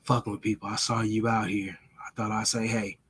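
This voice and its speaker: A taunting old ghoul woman with a thin, ashy voice, pitched a touch below the teller's own and kept quiet and hushed, as a man puts her on in his monologue. She mocks and needles and lingers on each phrase. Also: level tone, fairly quick, slightly rough. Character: spiteful old female ghoul, a death spirit.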